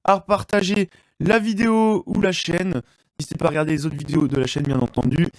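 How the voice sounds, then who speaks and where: A man hosting a casual screen-recorded software tutorial, talking with lots of fillers and self-corrections. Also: fairly high pitch, steady tone, brisk, no room sound, clean studio sound. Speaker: tutorial channel host.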